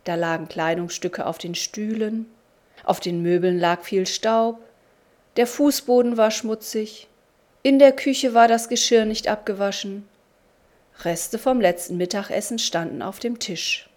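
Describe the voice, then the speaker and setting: Slow deliberate woman narrator. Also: medium pitch, steady tone, a little mellow. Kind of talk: devotional storybook narration.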